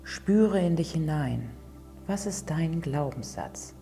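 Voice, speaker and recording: A woman leading a guided tapping session in a calm instructing voice, at times dropping to a soft whisper. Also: low-pitched, slow pace, soft background music. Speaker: tapping coach.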